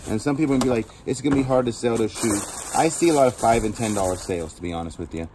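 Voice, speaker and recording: The storage auction vlogger races through his words in a medium-pitched voice, chatting with viewers while opening shoes by a cardboard box outside. It's shot first-person on a handheld camera amid loud outdoor noise.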